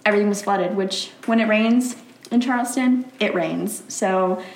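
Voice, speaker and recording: A woman's voice: mid-range voice, moderate pace, darkish tone. Chatty young woman in a roomy space. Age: young adult. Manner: chatty, giggly, filler-heavy. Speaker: college student guest. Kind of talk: casual interview chat. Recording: roomy sound with faint noise.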